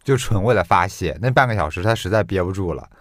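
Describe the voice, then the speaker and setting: A man co-hosting a podcast in casual chat, calmly adding short comments and nods of agreement. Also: deep voice, quick pace, no echo, studio quality. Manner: calm, nods along with short interjections. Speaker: podcast co-host.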